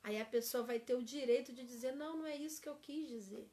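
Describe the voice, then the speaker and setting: A woman with a high voice leads a couples seminar at church. She acts out sample phrases and keeps checking in with the class. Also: fast talker, darkish tone.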